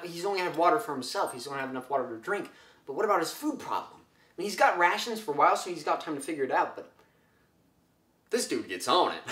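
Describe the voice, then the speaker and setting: Young man, book vlogger, excitable, rambling, slightly high voice, echoey room. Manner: excitable, rambling, full of fillers, acts out quotes. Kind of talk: casual book review vlog.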